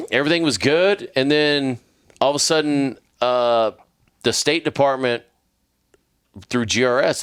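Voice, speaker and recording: A man's voice: mid-range voice, a bit bright, clear, resonant tone, no room sound, clean studio sound. A man in his fifties hosting a podcast, telling stories in heated, profane casual chat. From born in Greece to American parents. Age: 50s. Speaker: podcast host.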